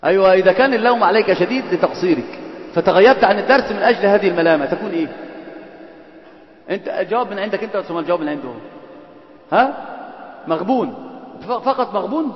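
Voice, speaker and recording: A man delivers an Islamic lesson at a rapid clip, moving between formal classical phrasing and colloquial asides. He teases and quizzes his students. His high voice rings through a long, echoey hall on a dull, lo-fi recording. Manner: mixes classical and colloquial speech. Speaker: religious teacher.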